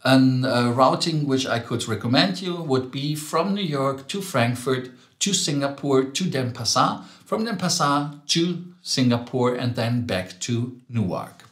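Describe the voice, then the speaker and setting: A male host with a German accent talks through travel news in a loose, chatty way, stumbling and correcting himself as he goes. His voice sits at an ordinary pitch. The room around him rings with noticeable echo. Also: expressive, a little slow, few pauses, fairly bright tone. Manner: chatty, loose phrasing with frequent ums and self-corrections. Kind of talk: casual news commentary.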